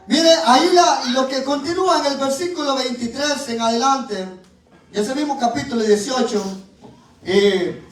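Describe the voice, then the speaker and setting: A male preacher giving a sermon with Bible reading, dropping in "¿verdad?" and "eh" and drawing out key words slowly. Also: very high voice. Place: church. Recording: very echoey, voice far from the mic.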